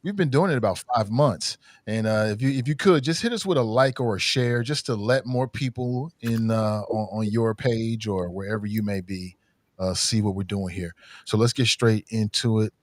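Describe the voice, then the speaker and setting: A man's voice: lowish voice, moderate pace, no echo. A man who is a bit under the weather, hosting a livestream podcast with conversational, opinionated news commentary on a close livestream mic. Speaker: podcast host.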